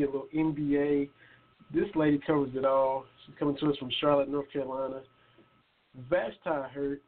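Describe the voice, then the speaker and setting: Easygoing sports radio host. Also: male voice, on the high side. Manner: easygoing, affirming, introduces guests. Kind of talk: sports talk show hosting. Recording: phone-quality audio.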